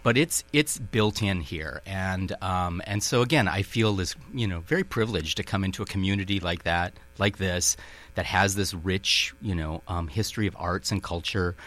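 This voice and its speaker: Speaking in a low, fairly bright voice at a moderate pace, the middle-aged director of a museum works through his radio interview answers. His Minnesota accent comes through, and he's reflective, hedging often and leaning on fillers.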